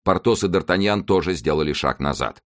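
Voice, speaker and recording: A man narrating an adventure audiobook in a measured, dramatic way. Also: sits low, expressive, fairly bright tone.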